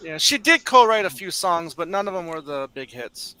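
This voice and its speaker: A man's voice: high-pitched, moderate pace, clean tone, no echo, poor audio. A man in a casual group chat who teases the others and laughs often. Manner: animated, teasing, laughs often.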